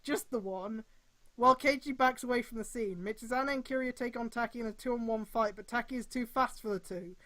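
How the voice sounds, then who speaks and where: With a somewhat high, slightly bright voice, a woman streamer sends up fan fiction as she reads it live. Exasperation spills out in outbursts, she drags out words for emphasis, and she swears.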